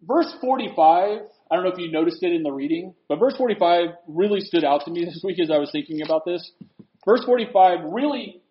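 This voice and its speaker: A man preaching a sermon in a conversational way, posing rhetorical questions and swinging between loud emphasis and quiet asides. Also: sits high, animated, a little fast. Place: room with a board. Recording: roomy, dull lo-fi recording.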